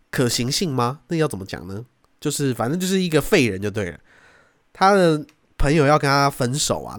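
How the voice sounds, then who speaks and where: A man's voice: medium pitch, no echo, studio quality. A young man with a Taiwanese Mandarin accent hosting a podcast, telling stories casually, swearing freely and acting out quotes. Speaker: podcast host. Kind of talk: casual storytelling.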